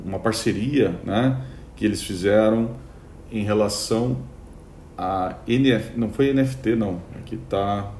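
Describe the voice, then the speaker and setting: A man's voice: fairly low pitch, gravelly, darkish tone, echoey room, slight background noise. A man hosting a casual news roundup, chatty, with many fillers and restarts. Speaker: podcast host.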